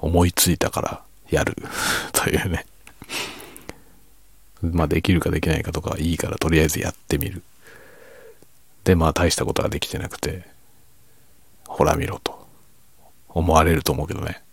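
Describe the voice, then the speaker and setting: Very deep, quiet-voiced man chatting. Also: little pitch movement, normal speed, vocal fry, long pauses, slightly rough, dry recording. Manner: reflective, self-deprecating, soft-spoken. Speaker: streamer and hobby novelist. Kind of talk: quiet late-night casual monologue in a low voice.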